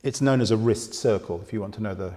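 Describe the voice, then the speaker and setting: In a piano lesson, a man speaks fast in a fairly low voice, patiently explaining and counting fingers out loud as he demonstrates. He is the piano teacher. Loud piano plays throughout, and the very resonant room gives the recording a long reverb.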